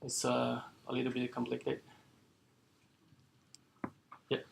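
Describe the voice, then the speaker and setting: A man giving an academic seminar lecture as the speaker, explaining in a halting way with many fillers and restarts. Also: mid-range voice, completely flat delivery, gravelly, a little hiss or hum. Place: lecture room.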